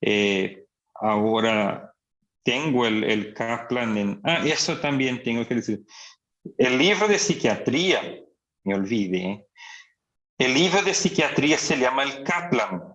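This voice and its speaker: A man teaching a psychiatry class, explaining slowly and asking rhetorical questions. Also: medium pitch, lively intonation, fairly bright tone. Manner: acts out patients' speech. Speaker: psychiatry lecturer. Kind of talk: lecture. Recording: dull lo-fi recording.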